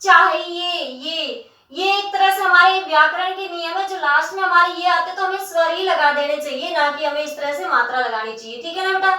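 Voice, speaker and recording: High-pitched lady teacher spelling words out slow and patient, really echoey room. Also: pushed and bright. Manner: patient, addresses students as "beta"; spells words out slowly, syllable by syllable. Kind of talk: spelling lesson. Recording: echoey room, voice from the mic at a distance.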